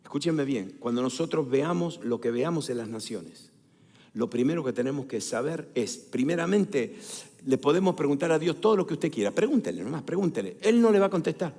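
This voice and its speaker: Male pastor, high gravelly voice, sermon with repeated emphatic phrases, reverberant church hall. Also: animated, a little fast. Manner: preaching, repeating words for emphasis and asking the congregation questions; shifts between loud declarations and soft storytelling asides. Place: church sanctuary.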